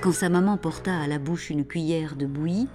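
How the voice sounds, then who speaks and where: A woman narrating a children's storybook in an animated, expressive way, dropping at times into a hushed whisper. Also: deep voice, moderate pace, faint music behind.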